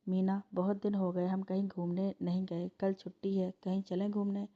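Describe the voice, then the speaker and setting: A woman's voice: medium pitch, level tone, moderate pace, lightly acted. A woman voicing a playful, affectionate young man who teases his girlfriend. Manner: teasing, affectionate. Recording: dull lo-fi recording.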